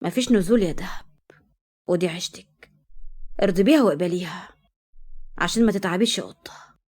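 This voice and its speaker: A woman with an Egyptian accent voicing a cold, possessive, jealous young husband in a read-aloud story, speaking low and menacing. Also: fast talker, natural voice. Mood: coldly menacing. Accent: Egyptian Arabic. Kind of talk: storybook reading.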